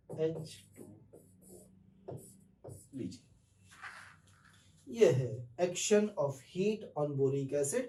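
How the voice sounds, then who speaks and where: A man with a fairly high pitch and warm tone gives a chemistry classroom lecture, explaining step by step, posing questions and answering them himself, and mixing English terms into his speech. He was recorded from a distance, off-mic, in an echoey room.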